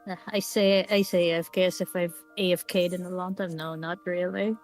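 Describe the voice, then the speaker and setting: A woman's voice: lowish voice, flat delivery, brisk, faint music behind. A woman chatting casually and playfully while gaming with friends.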